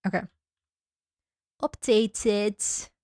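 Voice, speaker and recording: Slow, chatty, giggly woman streamer. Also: medium pitch, fairly even intonation, mellow, dry recording, studio quality. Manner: chatty, giggly, talks to herself and chat. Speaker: game streamer. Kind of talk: casual live gameplay commentary. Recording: game music faint behind.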